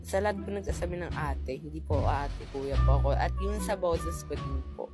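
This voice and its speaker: Guy w a girly sounding voice reading comments, teasing and joking, music going behind him. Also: fairly high pitch. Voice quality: voice that sounds like a woman's. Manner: playful, teasing, quick deadpan replies. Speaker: gaming content creator. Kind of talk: casual chat reading viewer comments. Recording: clear background music. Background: music playing under the voice.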